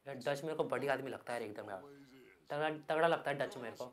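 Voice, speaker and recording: Hyped man yelling over gameplay. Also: mid-range voice, quick pace. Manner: loud, hyped, yelling at the game. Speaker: gaming YouTuber. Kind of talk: excited Hindi gameplay commentary.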